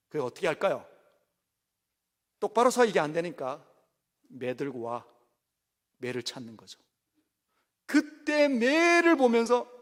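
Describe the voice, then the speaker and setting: High, lively-voiced pastor preaching in a reverberant church. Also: male voice. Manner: dramatic, swings between loud exclamations and hushed low asides. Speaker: senior pastor. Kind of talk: sermon. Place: church sanctuary. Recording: long hall reverb in a church.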